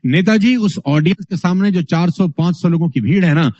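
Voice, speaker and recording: A man giving a motivational lesson as a speaking trainer, energetic and animated, acting out his examples. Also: sits high, brisk, no room sound. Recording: dull, dry recording.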